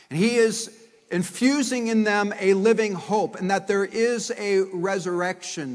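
A man giving a guest sermon at a pulpit microphone in a large church sanctuary. He builds from soft thanks to loud, emphatic preaching. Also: high-pitched. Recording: long church-hall reverb.

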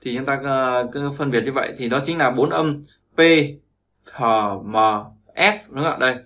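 A man's voice: mid-range voice, normal speed, pushed and bright. Male teacher. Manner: repetitive, keeps checking with listeners. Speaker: language teacher. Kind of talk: explaining pronunciation lesson.

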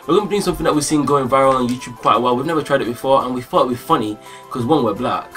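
Young male vlog host, middle pitch, informal chat, light music bed. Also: racing, a bit bright. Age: young adult. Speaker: video host. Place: small bedroom. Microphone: camera a short distance away.

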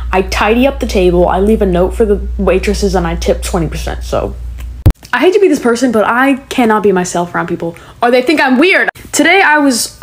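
Teen girl, casual vlog rant, sarcastic, fairly high voice. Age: teens. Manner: sarcastic, animated storytelling with mocking voices. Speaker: TikTok creator.

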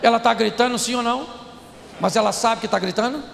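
A man with a high, very gravelly voice preaches to a live crowd, joking and calling out to them. His voice rings through a large echoey hall with faint noise underneath. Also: brisk. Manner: animated, jokey, addresses the crowd directly. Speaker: preacher, speaker. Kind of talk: humorous preaching to a live audience.

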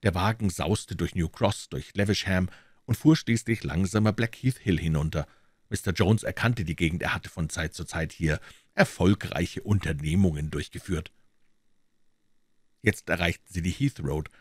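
A man with a low, deep voice narrating a crime novel as an audiobook, in a steady, measured storytelling manner. The sound is dry and close, with no room around it. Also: husky, dry recording. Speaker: audiobook reader.

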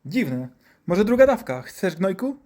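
Man voicing a drunk swaggering doctor, coarse and boastful, swears nonstop, pitched a bit high. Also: big pitch swings, unhurried, mellow.

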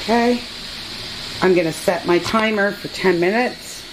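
A woman talks her viewers through a kitchen task in a relaxed, chatty way and calls them "guys." Her voice sits at a middle pitch. Steady steam and cooking noise fill the kitchen behind her. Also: a little slow. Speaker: home canning vlogger. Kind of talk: casual how-to vlog. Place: home kitchen with electric glass-top stove. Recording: noisy kitchen with hissing steam. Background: steam and cooking sounds from a pressure canner.

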